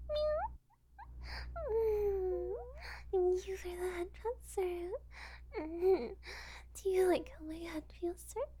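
A woman playing a haughty, bullying purebred cat girl in a breathy ASMR role-play, condescending one moment and fawning the next. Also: very high-pitched. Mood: gushing, flattering. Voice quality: breathy, soft-spoken. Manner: condescending, cutting, gushing and meowing when flattering.

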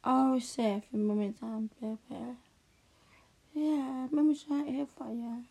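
A woman talks in a hushed, unhurried ASMR roleplay, calming and tender. Her voice is mellow and gravelly with fry at the edges. She often sinks into whispers. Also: sits high. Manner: soft, soothing, slow and hushed, often drifting into whispers.

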